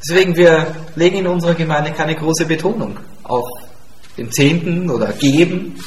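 High-voiced man preaching in an echoey room. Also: normal speed, a little mellow, a little hiss or hum. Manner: emphatic, repeats key points. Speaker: pastor. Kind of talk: sermon. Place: church hall.

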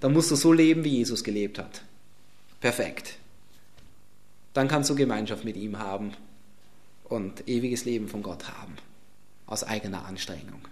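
A German-speaking man preaching a sermon. He repeats phrases for emphasis and swings from loud declarations to hushed near-whispers. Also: fairly low pitch.

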